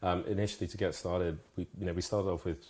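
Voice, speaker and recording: A man from Ghana who grew up in the UK, a brand co-founder talking through his products in a casual interview, thoughtful and halting with many restarts. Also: low voice, little pitch movement, a little mellow. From Ghana, raised in the UK from age five.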